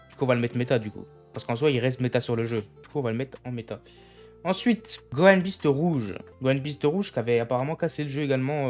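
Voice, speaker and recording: A young man streaming, chatting casually with his viewers and thinking aloud as he goes. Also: mid-range voice. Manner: thinks aloud, keeps addressing the chat as "les gars". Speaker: gaming streamer. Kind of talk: casual live chat with viewers.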